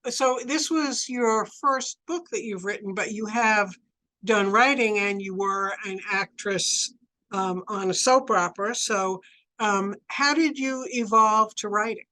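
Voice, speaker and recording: A woman's voice: mid-range voice, measured pace, sharp tone, rough recording. A woman hosting a book show in a casual, conversational interview style.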